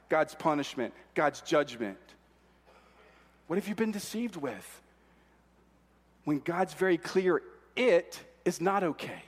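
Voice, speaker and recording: A male pastor preaches with fervor, his voice sitting high and swinging between quiet asides and shouts. The sermon rings with long reverb through a large church hall. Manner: fervent, emphatic, swings between hushed and shouting.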